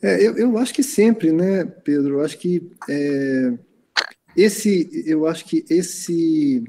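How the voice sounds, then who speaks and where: A man's voice: fairly high pitch, takes it slowly, dark tone. A Brazilian man giving a lecture and answering questions online, hesitant, with many fillers and restarts. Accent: Brazilian Portuguese.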